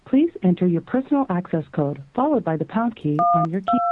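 A woman's automated voicemail voice, heard over a landline phone, reading out menu options in even, measured phrasing. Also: lowish voice, heavy background noise. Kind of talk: recorded menu announcements. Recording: tinny, dry phone line.

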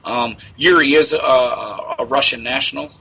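A man talks casually on a call, like an organizer walking someone through details. His voice is sharp and a little raspy, and he repeats himself as he explains. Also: mid-range voice, normal speed, rough recording. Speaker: prank caller posing as a prison program organizer. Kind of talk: improvised casual phone talk.

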